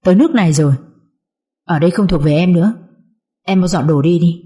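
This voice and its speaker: A woman voicing a young husband who speaks low, hoarse and sorrowful, in an audiobook drama reading. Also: a little fast, warm tone, close to an everyday voice. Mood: sad.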